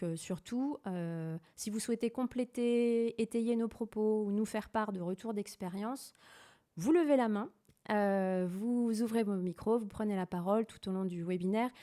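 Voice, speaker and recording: Woman host opening an online training session, warm dark tone, halting delivery. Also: mid-range voice. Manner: hesitant, with many fillers. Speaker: webinar organizer. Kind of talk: webinar introduction. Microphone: video call.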